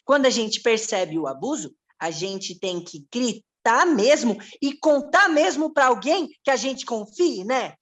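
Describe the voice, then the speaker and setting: A woman's voice: on the high side, animated, unhurried, hardly any pauses, a bit bright. A woman voicing a curious, polite young boy who interviews guests on a children's show. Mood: earnest. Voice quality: childlike, wide-eyed and earnest.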